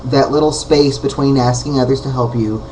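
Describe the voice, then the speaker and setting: A man with a baritone voice talking casually and candidly to a webcam in a rambling vlog, full of ums and uhs. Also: fairly even intonation, moderate pace, darkish tone, a little hiss or hum, rough recording. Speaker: vlogger.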